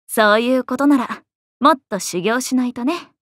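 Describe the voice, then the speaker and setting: High, animated young swordswoman, Miyamoto Musashi. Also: no echo, clean studio sound, exaggerated voice. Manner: playful, expressive, swinging between teasing and flustered. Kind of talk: Japanese anime-style mobile game character acting.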